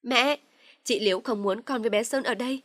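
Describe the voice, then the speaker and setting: A woman playing a shrill, accusing young sister-in-law. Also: lively intonation, fast. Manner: loud, high, accusing shouting.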